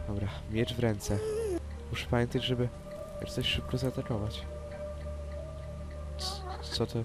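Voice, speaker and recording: A man's voice: medium pitch, close to an everyday voice. A man playing a nervous, loyal young hermit exploring in a Minecraft role-play, talking to himself as he goes. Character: young male hermit adventurer, anxious but loyal. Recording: loud game music behind.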